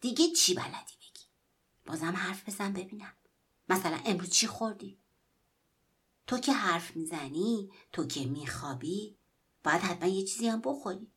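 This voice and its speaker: A woman voicing a poor young boy who pleads and calls out to sell a doll in the snow, with a breathy voice. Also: medium pitch, lively intonation. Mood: curious. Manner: pleading and calling out loudly.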